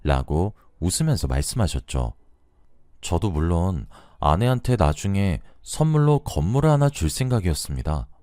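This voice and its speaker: A man with a fairly low voice tells a first-person story, his pitch rising and falling in a lively way. He recounts events in a conversational way. The recording is close and dry. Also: normal speed, no echo. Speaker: narrator.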